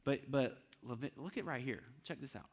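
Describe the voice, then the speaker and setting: A preacher putting on a sly, hushed schemer. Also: male voice, mid-range voice, flat delivery, fast, clear, resonant tone, voice pushed down, close to an everyday voice. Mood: conspiratorial. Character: scheming male religious leader with scroll.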